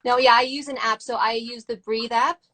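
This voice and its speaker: A woman's voice: a little high, steady tone, moderate pace, pushed and bright. A woman chatting casually on a live video call from home, rambling with lots of "like" and acting out little quotes. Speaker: guest on a livestream chat. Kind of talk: casual chat. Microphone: phone on a live video call.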